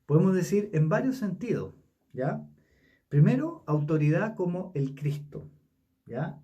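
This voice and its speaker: A man with a Chilean Spanish accent leading a casual Bible study, talking haltingly with many fillers and tag questions. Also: high-pitched, big pitch swings, warm tone, distant mic, highs cut off.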